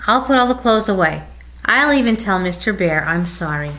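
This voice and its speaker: A woman's voice: medium pitch, expressive, moderate pace, pushed and bright, rough recording. A woman voicing a bold, mischievous little male teddy bear who talks brashly and impatiently. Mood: coaxing.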